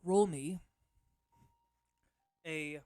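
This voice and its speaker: A man's voice: on the high side, very slow, warm tone, clean tone. A man narrating as game master of a tabletop game, rambling with many fillers and self-corrections.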